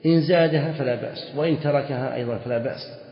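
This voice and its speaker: A man's voice: mid-range voice, very fast. A man teaching Islamic jurisprudence in a classroom lecture, explaining a text, repeating key phrases and putting questions to his students. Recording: echoey hall, dull lo-fi sound.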